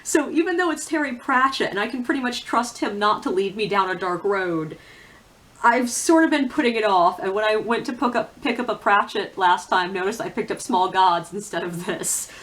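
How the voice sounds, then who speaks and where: A woman with a medium-pitched, slightly bright voice talks books on her video channel at a normal speed, her intonation lively. Her vlog style is chatty and candid, full of opinionated asides.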